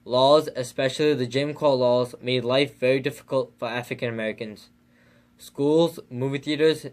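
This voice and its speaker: A man reads scripted narration aloud. His voice is average in pitch and his delivery is plain and report-like.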